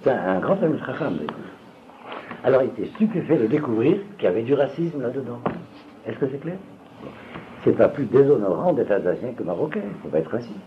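A man's voice: mid-range voice, very animated, fairly quick. An older man giving a rambling religious lecture to an audience, often stopping to ask if they follow. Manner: digressive, keeps checking if listeners follow. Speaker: religious teacher. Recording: dull lo-fi recording with faint room noise.

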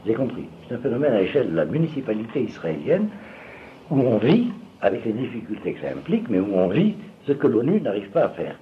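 Older man lecturing, lively pitch. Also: quick pace. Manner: digressive, keeps checking if listeners follow. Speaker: religious teacher. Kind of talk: lecture to an audience. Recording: dull lo-fi recording with faint room noise.

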